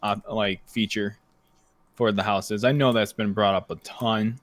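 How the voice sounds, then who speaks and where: A man's voice: fairly low pitch, fairly even intonation, a little slow, dry recording. A man chatting on a gaming podcast in an easygoing way. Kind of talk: casual podcast chat.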